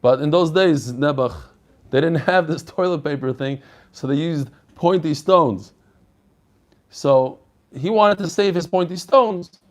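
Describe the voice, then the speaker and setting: A man's voice: a little high, measured pace. A man giving an informal religious lesson as a rabbi, explaining conversationally and posing rhetorical questions. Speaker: rabbi teaching a daily Talmud class.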